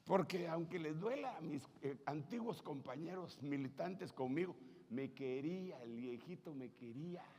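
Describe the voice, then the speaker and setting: A Honduran man in his sixties, a pastor preaching a sermon by telling stories, animated and joking as he acts out the people he quotes. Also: fairly high pitch, moderate pace, slightly rough, lo-fi sound. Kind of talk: storytelling sermon.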